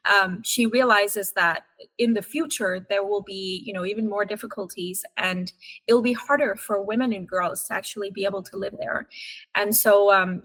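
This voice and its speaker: A woman in her thirties from Burma, raised in Thailand, gives earnest interview answers. Her voice is bright and forward, at a middling pitch. She talks in a conversational way, with many fillers and self-corrections. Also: poor audio. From Burma (Myanmar), raised in Thailand. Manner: earnest, with frequent fillers and restarts. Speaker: guest, human rights activist.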